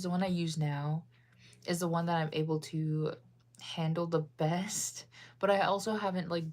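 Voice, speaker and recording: A young American woman chats casually on a livestream in a voice that sits low, rambling with plenty of fillers and self-corrections as she answers chat.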